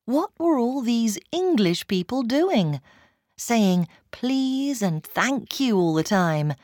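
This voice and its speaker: A woman narrating a children's storybook in a gentle, deliberate, expressive way. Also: on the high side, dry recording, clean studio sound.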